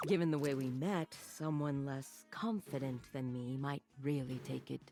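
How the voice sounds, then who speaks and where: A woman's voice: extremely low pitch, steady tone, normal speed, mellow. A woman voicing a confident, seductive living object in a dating game, with a sultry, teasing, theatrical delivery. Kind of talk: video game character acting. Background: game music.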